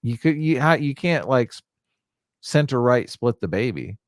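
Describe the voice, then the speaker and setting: A man guesting on a casual livestream chat, joking and animated. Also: mid-range voice, normal speed, no echo, studio quality. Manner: animated, joking, laughs easily.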